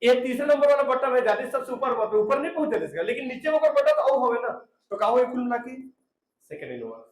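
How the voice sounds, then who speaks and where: A man's voice: very high-pitched, lively intonation, fast, roomy sound. A man teaching a chemistry class, repeating answers and prompting his students. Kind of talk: classroom lecture.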